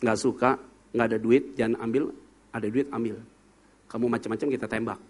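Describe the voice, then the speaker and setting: A man's voice: medium pitch, steady tone, fairly quick. A man preaching as a pastor in a church service, telling frank, humorous stories and quizzing the congregation. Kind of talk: sermon.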